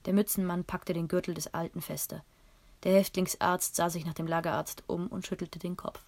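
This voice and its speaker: Low, gravelly woman reading aloud. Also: little pitch movement, brisk, a little mellow. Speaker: audiobook narrator. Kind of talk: first-person story reading.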